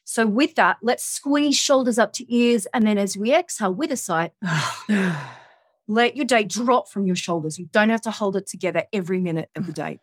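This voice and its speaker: A woman speaks like a yoga teacher, gently coaxing the listener through relaxation exercises. Her pitch sits in the middle for a woman, and the recording is dry and close. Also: a little fast, few pauses, no echo. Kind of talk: guided relaxation instruction.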